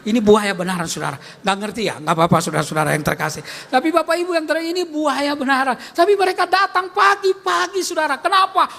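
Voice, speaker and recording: A pastor preaching a sermon at a church service, animated, swinging from loud calls to quiet asides and often turning to the congregation. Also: male voice, very high voice, fast talker, gravelly, few pauses. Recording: long church-hall reverb.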